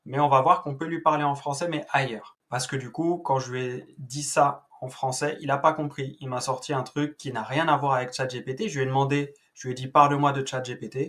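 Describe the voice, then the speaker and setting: Male tech host, casual screen-demo voice-over, chatty and hesitant, mid pitch. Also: fairly even intonation, fairly quick, few pauses, fairly bright tone. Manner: chatty, hesitant, with many fillers and restarts. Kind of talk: casual screen-recorded walkthrough.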